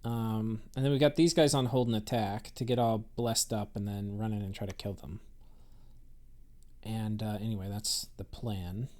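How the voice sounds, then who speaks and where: A man's voice: fairly low pitch, steady tone, moderate pace, dark tone. A man giving casual, rambling commentary on a strategy game he is playing, thinking aloud with many fillers and restarts. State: has the hiccups.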